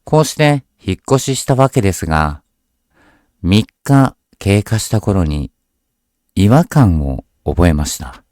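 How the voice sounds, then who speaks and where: Man, ghost story narrator, deep voice, slow deliberate pacing, dry close sound, scripted reading. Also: sing-song, darkish tone, no room sound. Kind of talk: scripted horror story narration, read aloud.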